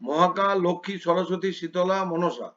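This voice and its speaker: Teacher, male, high voice; gentle corrective tone, lo-fi call audio. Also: normal speed. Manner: gentle, corrective, repeats page numbers. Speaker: priestly studies teacher. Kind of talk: online class instruction.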